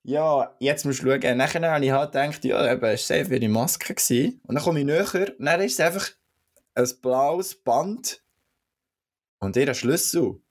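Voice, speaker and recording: A man from Switzerland with a Swiss German accent, co-hosting a casual podcast chat and telling a story with lively acted-out moments. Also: mid-range voice, moderate pace. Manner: animated storytelling, acts out shouting. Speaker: podcast co-host.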